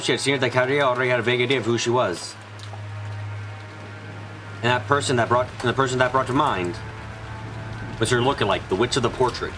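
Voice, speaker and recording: A man's voice: medium pitch, low-quality recording. A man giving an amateur fan dub reading of translated lines, stumbling and repeating words at times. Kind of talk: fan dub line reading over original game audio. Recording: music bed under the voice.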